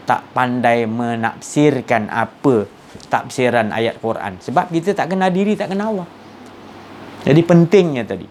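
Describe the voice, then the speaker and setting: A man giving an informal religious talk, telling stories with lively sound effects. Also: medium pitch, a little hiss or hum. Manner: animated storytelling with sound effects. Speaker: religious teacher.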